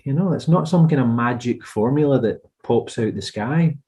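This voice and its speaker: A man's voice: mid-range voice, normal speed, dark tone. A Scottish man co-hosting a music podcast, talking casually and rambling into asides. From Scotland. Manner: chatty, rambling, trails into asides. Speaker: podcast co-host. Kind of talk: casual chat.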